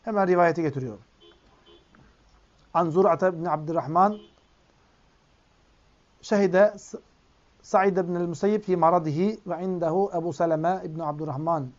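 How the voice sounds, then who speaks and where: A man gives a sermon in a somewhat high voice. He recites Arabic quotes, explains them line by line, and calls his listeners friends. The recording sounds dull and lo-fi. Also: steady tone, normal speed, pauses often, darkish tone. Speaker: Islamic preacher.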